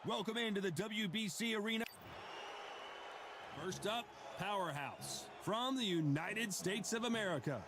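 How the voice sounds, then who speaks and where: An excitable play-by-play boxing commentator for a video game. He speaks high and emphatically, with very loud arena noise all around him. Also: a little slow. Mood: excited. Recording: very noisy game arena audio.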